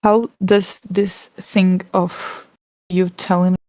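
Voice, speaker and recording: Woman player, slow and halting, over a voice-chat line that keeps cutting out. Dry, close sound. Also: fairly low pitch, level tone, darkish tone, no echo, low-quality recording. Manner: halting, questioning. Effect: online voice chat breaking up, words dropping out. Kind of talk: voice-chat roleplay.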